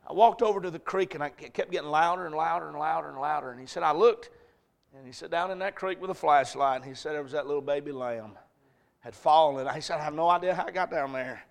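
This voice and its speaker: A man preaching a sermon, telling a story with sudden loud shouted peaks. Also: on the high side, fast, vocal fry. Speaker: pastor.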